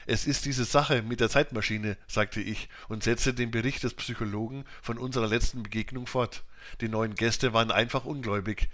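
A man's voice: medium pitch, fairly bright tone. Man reading a classic novel aloud. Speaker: audiobook reader. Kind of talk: literary audiobook narration.

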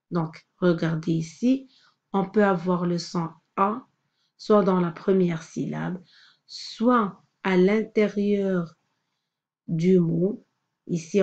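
Slow, patient woman teaching phonics. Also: fairly low pitch, darkish tone, muffled recording. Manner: patient, sounds out words slowly. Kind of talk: slow phonics lesson for young children.

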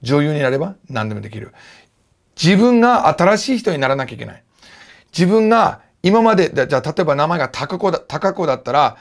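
Lively man teaching, gravelly. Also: a little high, quick pace. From United States. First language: English. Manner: animated, lively explaining. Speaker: English teacher. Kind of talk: casual video lesson.

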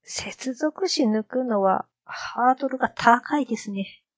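A woman streamer chatting casually to herself, slowly repeating practice sentences and musing aloud. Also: fairly high pitch, no room sound. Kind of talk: casual live-stream commentary.

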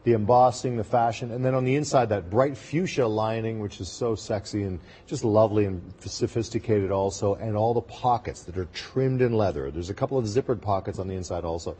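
A man presenting as a live home shopping host, listing product features and prices in a steady sales patter. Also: lowish voice, fairly quick, hardly any pauses, slightly rough. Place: TV shopping studio.

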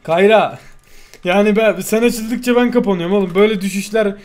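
Male gaming host, hoarse, high-pitched, mock-exasperated. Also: a little fast. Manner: exasperated, joking, exclaims often. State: hoarse, voice going. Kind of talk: casual gameplay chat with a friend.

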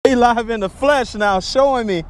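A young man vlogging his fishing from a bridge by the sea, excitable and talkative, filmed on an action camera outdoors. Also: very high-pitched, moderate pace, slight background noise. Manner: excitable, hollers and laughs, repeats himself.

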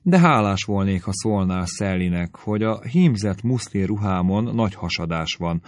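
A man voicing a giddy, reckless teenage girl in an audiobook, reading slowly and teasingly. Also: lowish voice, expressive, dry recording, studio quality, lightly acted.

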